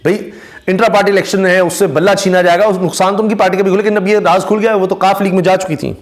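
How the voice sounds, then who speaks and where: A man, giving casual spoken commentary on news clips, talking at length with many drawn-out pauses and fillers. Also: sits high, fairly even intonation. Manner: talkative, frequent "aa" fillers and pauses. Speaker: YouTube commentator.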